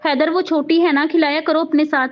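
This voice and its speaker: A gentle young wife in a romance story, scolding softly and lovingly, read by a woman narrator in her high voice. The audio is slightly dull and muffled. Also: level tone, brisk, lightly acted.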